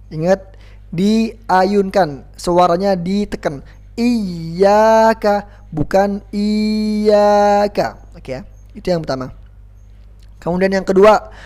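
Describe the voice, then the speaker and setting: A patient Quran recitation teacher talks at an unhurried, measured pace, explaining each sound carefully. Verses are modeled in a drawn-out chant, then repeated for the class to copy. The voice sits at a middling pitch with a relaxed classroom manner. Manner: calls self 'Ana' and students 'antum', Arabic-flavored classroom talk. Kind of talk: tajwid lesson with call-and-repeat practice.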